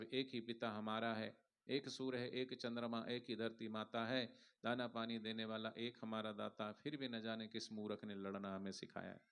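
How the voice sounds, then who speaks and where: Male spiritual teacher, mid-pitched voice, playful preachy sermon delivery with chants and acted-out stories. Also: a bit bright, clear, resonant tone. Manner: preachy, playful, acts out anecdotes and leads chanting. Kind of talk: devotional sermon. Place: large outdoor religious gathering.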